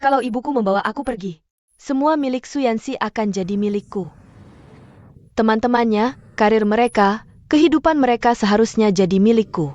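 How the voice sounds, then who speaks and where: A woman's voice: on the high side, a little fast, darkish tone, no room sound, dull audio, lightly acted. A woman voicing a bitter envious younger sister. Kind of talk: Indonesian dub of a TV drama.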